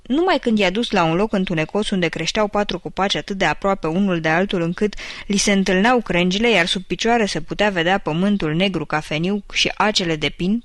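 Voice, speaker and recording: A woman narrating an audiobook in an even, measured storytelling voice. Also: medium pitch, no room sound. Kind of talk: scripted narration.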